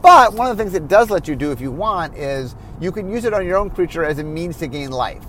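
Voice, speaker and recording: A tired man, a card game designer, explaining his work in a solo podcast, often correcting himself and pausing with fillers. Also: high-pitched, expressive, a bit bright, a little hiss or hum. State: tired, yawning.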